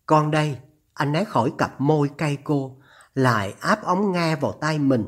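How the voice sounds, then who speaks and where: An audiobook narrator reading a novel in a steady, measured way. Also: mid-range voice, slightly rough. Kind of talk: scripted narration.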